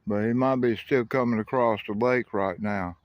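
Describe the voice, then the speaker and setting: A middle-aged South Carolina man with a lowish, steady voice speaks at normal speed as he vlogs about trains beside a rural road and railroad. His outdoor narration is casual, folksy and rambling, and he often corrects himself. The recording is muffled but has no echo.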